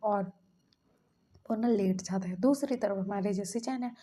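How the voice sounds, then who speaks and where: Husky dark-voiced woman storyteller. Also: mid-range voice, a little slow. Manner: chatty, stringing events with 'then he says'. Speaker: fan fiction storyteller. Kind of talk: casual story retelling.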